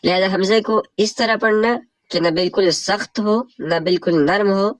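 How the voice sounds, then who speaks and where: A man's voice: high voice, steady tone, dry recording, low-quality recording. A man with a Pakistani Urdu accent teaching Arabic morphology in a religious lecture, explaining each rule step by step and glossing a set text.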